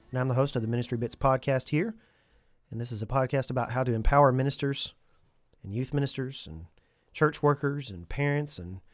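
Casual solo podcast talk comes from a man whose nose is clearly stuffed up. Speaking in a mid-range voice, he keeps things chatty with light humor, and the clean studio recording carries no room sound.

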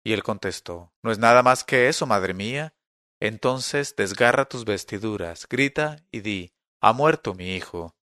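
Guy reading an old story, steady and measured, dry close mic. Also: lowish voice, no echo. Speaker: narrator.

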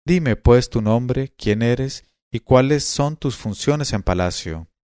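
A man's voice: mid-range voice, expressive, takes it slowly, darkish tone, clean tone, dry recording, studio quality. A man reading the lines of a bold, teasing eighteen-year-old noblewoman in a storybook tale, in a playful, coaxing way.

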